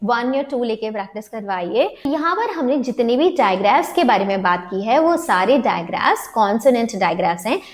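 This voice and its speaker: A woman with an Indian English accent teaching a phonics lesson to parents, switching between Hindi and English and slowing down to sound out letters. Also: a little high, lively intonation. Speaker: phonics trainer.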